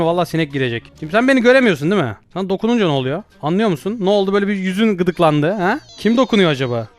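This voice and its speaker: A man giving playful VR gameplay commentary, teasing and excitable, often yelling and taunting in fun. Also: fairly high pitch. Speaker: VR gaming YouTuber.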